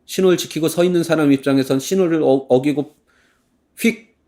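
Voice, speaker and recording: With a fairly high voice, a male pastor preaches animatedly in church, dramatizing heated complaints. At times he slows down to sing a hymn.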